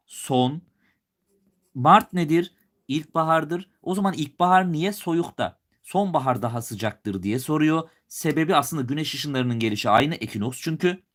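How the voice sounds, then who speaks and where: A male teacher from Turkey, with a high-leaning and slightly bright voice, runs a live exam review lesson. His Turkish accent occasionally takes on a mild regional lilt, and he walks students through every question, posing and then answering it himself.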